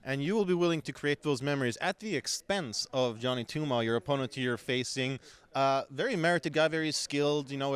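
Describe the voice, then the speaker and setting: A man's voice: medium pitch, a bit bright, clear, resonant tone. Male sports interviewer, clean resonant voice, polished promotional presenting for a fight event.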